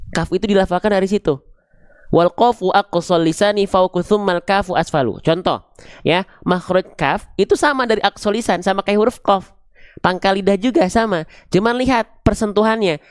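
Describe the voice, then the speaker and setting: A man's voice: sits high, clear, resonant tone, dry recording. A man teaching Quran recitation pronunciation in a live online lesson, firm and direct, often repeating points and checking that students follow.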